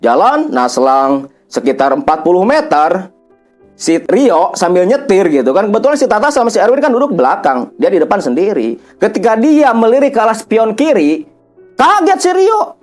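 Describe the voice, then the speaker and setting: A man's voice: high voice, big pitch swings, normal speed, darkish tone, faint music behind. A man narrating a ghost story in a chatty way, full of repeated fillers.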